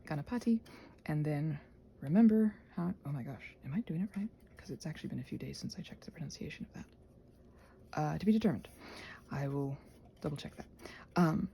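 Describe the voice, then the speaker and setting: Speaking low and breathy, this ASMR video host drifts in and out of whispers while chatting in a meandering way. She keeps second-guessing herself and musing aloud.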